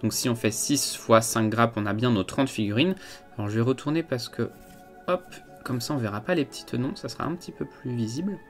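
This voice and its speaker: A man of average pitch talks through a box of miniatures in a relaxed, unscripted way. He hesitates often and restarts his sentences. Faint music plays quietly behind him. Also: brisk. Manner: hesitant, many fillers and restarts. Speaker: wargaming hobby reviewer. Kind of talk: casual unboxing review.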